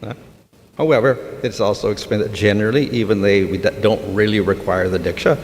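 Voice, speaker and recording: Slow gravelly guy teaching scripture, low voice, long echo in a big hall, bit of hiss. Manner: measured, with short pauses. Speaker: spiritual teacher. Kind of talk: scripture lecture with translation. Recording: reverberant hall with faint noise.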